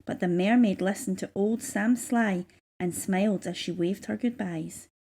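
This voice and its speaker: A woman reading a children's story aloud in measured, rhythmic verse. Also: mid-range voice, dark tone, slight background noise. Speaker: storybook reader.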